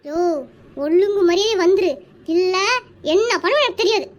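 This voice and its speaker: Woman voicing a shrill scolding village wife. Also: animated, fairly bright tone, dull audio. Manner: shrill, nagging, quick to scold. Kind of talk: animated cartoon dialogue.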